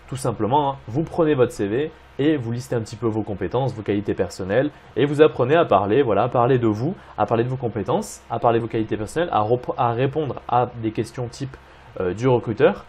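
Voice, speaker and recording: A man's voice: medium pitch, a little mellow, slightly rough. A man coaching job seekers, explaining tips with frequent fillers. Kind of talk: instructional video talk.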